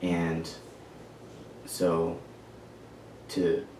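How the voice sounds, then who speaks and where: A man in his twenties telling his personal story as a podcast guest, halting and searching for words, recorded far from the mic in an echoey room. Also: sits low, completely flat delivery, darkish tone, slight background noise. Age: 20s.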